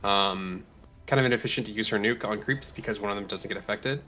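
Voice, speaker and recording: A man's voice: lowish voice, quick pace, pushed and bright. A man giving analytical live esports commentary in an explanatory way, breaking down strategy.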